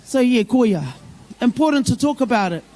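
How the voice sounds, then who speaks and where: A woman's voice: fairly high pitch, animated, moderate pace, dark tone. A middle-aged woman with a broad New Zealand accent, speaking informally off the cuff to a community gathering in a plain-spoken, motherly way. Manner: plain-spoken, motherly, addresses listeners with endearments. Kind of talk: informal, off-the-cuff public speech mixing English with Māori phrases.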